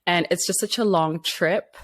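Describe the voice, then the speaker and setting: Podcast guest, a woman from Zimbabwe, warm and chatty, slightly worn out, lower pitch. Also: normal speed. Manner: friendly, chatty, laughs easily. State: a little tired. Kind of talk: casual interview chat.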